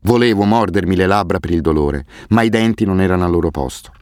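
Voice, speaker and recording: A man reading a first-person novel aloud as an audiobook narrator, in a grave, measured way. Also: deep voice, a little mellow, dry recording, clean studio sound. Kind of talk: scripted narration.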